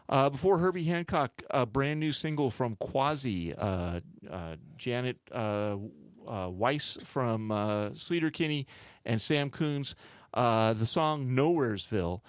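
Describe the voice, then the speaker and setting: A man in a radio studio, talking through his playlist in a relaxed, wandering way. His voice sits at a middle pitch. The sound is dry and close, with no room around it. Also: unhurried, no echo. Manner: relaxed, rambling, many fillers. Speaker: radio DJ host. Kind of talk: casual radio chat and back-announcing.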